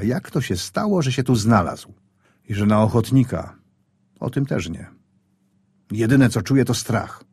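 A man reading a wartime story aloud in a grave, measured, tense manner. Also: on the low side, darkish tone, husky, no room sound, studio quality. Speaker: audiobook narrator. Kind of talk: scripted wartime story narration.

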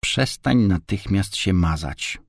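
A man's voice: sits low, animated, creaky, dry recording, studio quality, exaggerated voice. A man reading a storybook, voicing a bold, bossy young girl who gives orders. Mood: stern. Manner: brisk and commanding.

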